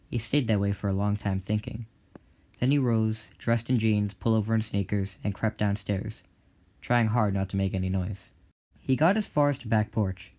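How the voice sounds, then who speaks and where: Over prominent plucked guitar, a man reads scripted narration for an audio drama in a lowish voice with a darkish tone.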